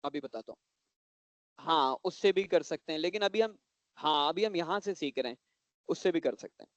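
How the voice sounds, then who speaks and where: A man teaching a computer class to children, often stopping to check that the class understands and repeating points slowly. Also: fairly high pitch, expressive, dry recording, dull audio.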